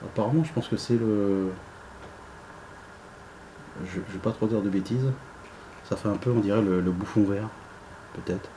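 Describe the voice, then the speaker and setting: A man with a lowish, warm and dark voice talks his way through an unboxing in a loose, casual vlog style. He rambles and hesitates, trailing off into fillers. Faint noise sits behind his voice. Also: fairly even intonation, normal speed, pauses often, low-quality recording. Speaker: unboxing vlogger.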